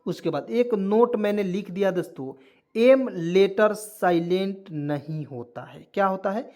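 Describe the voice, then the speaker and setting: A man's voice: high voice, unhurried, darkish tone. A man with a Hindi-speaking Indian accent, a teacher giving a pronunciation lesson, repeating words and answering his own questions. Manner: repetitive, drills words aloud, asks and answers own questions. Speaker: English teacher. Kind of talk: classroom lesson explaining pronunciation.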